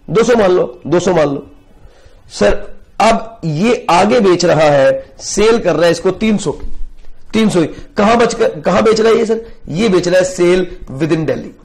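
Lively Hindi-accented man teaching a class. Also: high-pitched. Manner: lively explaining, acts out little dialogues, keeps addressing listeners as sir. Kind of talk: classroom lecture.

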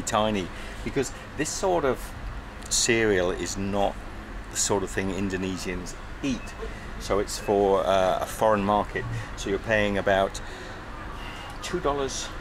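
A man in his fifties with a lowish voice vlogs his travels in a chatty, upbeat way, thinking aloud on a sunny street and inside a supermarket. It's a casual travel vlog shot on an action camera held at arm's length. Street noise can be heard behind him.

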